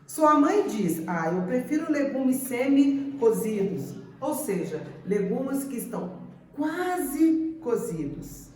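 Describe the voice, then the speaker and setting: A woman teacher giving a slow, deliberate grammar lesson, repeating example words. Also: sits high, very animated, a little mellow. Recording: echoey room, mic at a distance.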